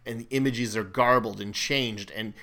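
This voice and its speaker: A man's voice: medium pitch, fairly even intonation, normal speed, pushed and bright. A man co-hosting a casual board game discussion, talking in a loose, rambling way with fillers and restarts. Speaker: co-host.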